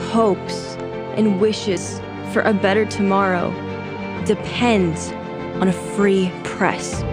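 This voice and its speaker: Slow, solemn female promo voice. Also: mid-range voice. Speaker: promo narrator. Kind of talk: scripted promo voice-over. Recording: voice-over over loud music.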